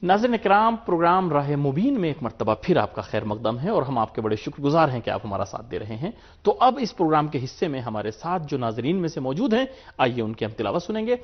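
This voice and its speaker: A man's voice: on the high side, very animated, muffled recording. A man hosting a religious TV program, speaking politely and formally with frequent short affirmations. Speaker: TV program host.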